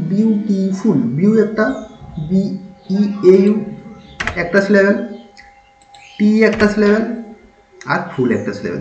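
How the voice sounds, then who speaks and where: Guy teaching english, high voice, spells stuff out slowly, dull roomy recording. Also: darkish tone. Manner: patient, spells words letter by letter, asks checking questions. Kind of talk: spoken English lesson. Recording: dull lo-fi sound in an echoey room with faint noise.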